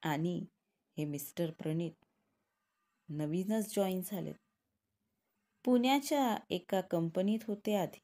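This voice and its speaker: Woman as a polite young female colleague, formal, slow, mellow tone. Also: lowish voice. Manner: formal, introducing people.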